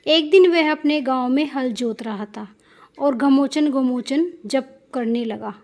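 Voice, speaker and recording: High-voiced woman telling a devotional story. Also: slow. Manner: steady, plain storytelling with repeated phrases.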